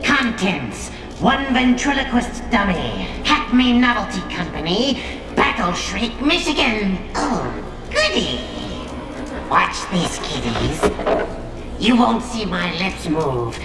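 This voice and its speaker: A man voicing a gleefully ghoulish undead horror host with a shrill rasp, theatrical and punning, on a TV show. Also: very animated, slow pace, exaggerated voice. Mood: gleefully macabre. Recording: roomy, distant, music underneath.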